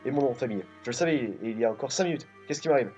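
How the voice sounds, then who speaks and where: Man reading amnesiac young male hero, bewildered, questioning, middle pitch, dull lo-fi sound. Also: lively intonation, rapid-fire, darkish tone, husky, faint music behind. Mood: puzzled. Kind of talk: reading game dialogue aloud. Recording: dull lo-fi recording.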